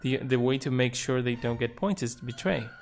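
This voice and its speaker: A man streaming a video game live, reasoning through his choices out loud with playful, jokey asides. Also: mid-range voice, brisk, slight background noise. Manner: thinks aloud, reasoning things through. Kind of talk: live gameplay commentary.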